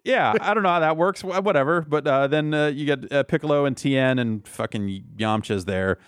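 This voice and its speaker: A man's voice: a little high, moderate pace, clean tone, no room sound, clean studio sound. A man co-hosting a podcast, recapping a cartoon in a casual chat, rambling and swearing with lots of restarts. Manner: rambling, profane, many restarts. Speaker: podcast co-host.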